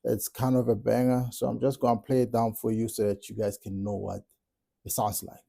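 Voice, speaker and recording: A man with a South African accent talks through a beat he has made, in a low, gravelly and very dark voice. He explains each step in a relaxed, casual way while music plays faintly behind him. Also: brisk. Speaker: music producer tutorial host. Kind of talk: casual production tutorial. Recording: music playing in the background.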